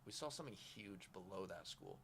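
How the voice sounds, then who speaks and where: Fast-talking american guy telling fishing stories. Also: low-pitched, vocal fry, a little hiss or hum. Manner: fast, excitable storytelling. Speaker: fishing guide. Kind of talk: casual fishing chat.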